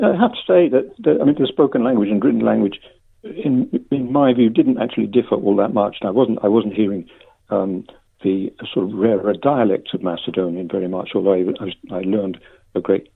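An older man giving a hesitant, stammering interview with measured academic phrasing over a phone. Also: on the low side, vocal fry, slightly rough. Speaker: interviewee, lexicographer. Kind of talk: interview conversation. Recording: narrow phone-like line.

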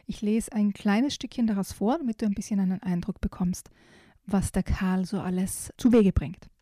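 A woman presenting and reading children's picture books aloud, telling the stories warmly and speaking directly to a young listener, with some hesitations. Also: medium pitch, normal speed. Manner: lively storytelling with shifted voices for animals.

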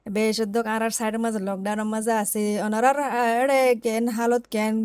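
A woman's voice: on the high side, level tone, brisk, darkish tone, smooth, dry recording. A woman who is a native Rohingya speaker, interviewing someone as a radio host.

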